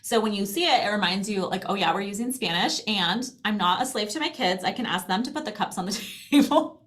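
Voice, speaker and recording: With lively intonation and a fairly quick delivery, a middle-aged American woman explains a language program in her mid-range, fairly bright voice. She is the presenter and a guest, and the casual demo feels chatty and encouraging.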